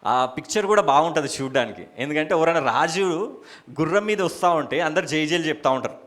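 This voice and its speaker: A man preaching a church sermon in a Telangana Telugu accent, with shouted hallelujahs and rhetorical questions. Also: fairly high pitch, lively intonation, fast talker. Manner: soft murmured prayer at the start. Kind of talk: church sermon with opening prayer.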